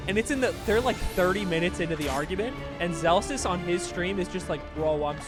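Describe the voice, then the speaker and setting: High-voiced man telling stories casually. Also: fairly quick, over music. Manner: laughing storyteller, casual. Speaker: podcast co-host. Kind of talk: casual chat.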